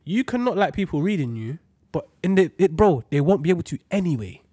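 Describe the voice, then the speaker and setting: A young man speaks in a London roadman accent, casual and full of slang. His voice sits slightly high and moves around a lot in pitch. He presses his points emphatically and repeats them, in a dry, close-sounding recording. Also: very animated, fast, mellow, breathy edge, no echo.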